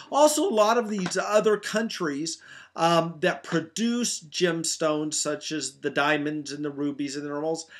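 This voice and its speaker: A middle-aged man speaks in a slightly high voice, talking casually to camera. He is eager and loose, with many ums and restarts. His pitch sits a little above most men's. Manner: enthusiastic, many fillers and restarts. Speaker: meteorite hunter presenting gemstones. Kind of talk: casual product talk to camera.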